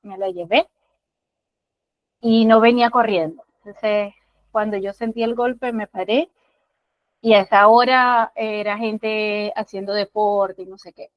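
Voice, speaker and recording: A woman's voice: mid-range voice, no echo. A woman from Maracaibo with a Venezuelan accent, sharing a personal testimony in class in an earnest, hesitant way with many restarts. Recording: dull, muffled audio.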